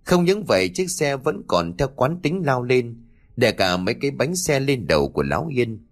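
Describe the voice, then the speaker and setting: A man reading a ghost story aloud in a dramatic, expressive manner. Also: mid-range voice, moderate pace, soft background music. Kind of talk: scripted ghost story narration.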